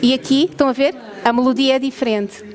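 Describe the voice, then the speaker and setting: A woman's voice: high voice, fairly even intonation, fast, darkish tone. A woman with a European Portuguese accent, a researcher explaining her lab to visitors, often asking the audience questions and checking that they follow.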